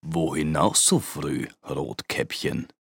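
A woman voicing a sly, hungry male wolf who speaks slowly and coaxingly. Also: very deep voice, gravelly, breathy edge, no echo, studio quality, pitched below the performer's own voice, exaggerated voice. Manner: slow, coaxing and sinister.

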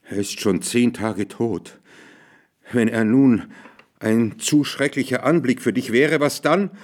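Brief: narrator doing a fearful old husband, trembling voice, slow storybook reading. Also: male voice, medium pitch. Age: older.

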